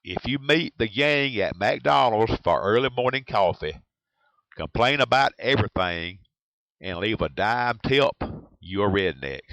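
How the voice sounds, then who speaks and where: A man's voice: lowish voice, fairly bright tone, no echo, low-quality recording. A man with a Southern US accent delivering a blunt, provocative scripted monologue as an aspiring talk radio host. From USA. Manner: blunt, provocative, list-like repetition.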